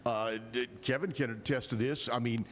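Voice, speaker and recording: A man's voice: mid-range voice, steady tone, moderate pace, a bit bright, slight background noise. Folksy Texan man hosting, echoing. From Texas. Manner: folksy, joking, teasing. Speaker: fill-in radio host. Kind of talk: casual live interview.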